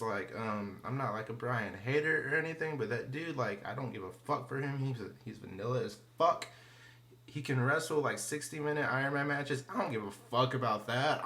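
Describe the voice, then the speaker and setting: This is a man with a mid-range voice and a sharp tone, loosely reviewing wrestling as a vlogger. Expect cursing, slang, plenty of fillers, and sentences that tail off into mumbles.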